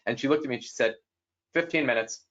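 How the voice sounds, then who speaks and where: A man giving a talk on personality styles to a guest, acting out the people in his stories. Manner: animated, acts out quoted people with quick jumps in pitch. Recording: dull lo-fi sound.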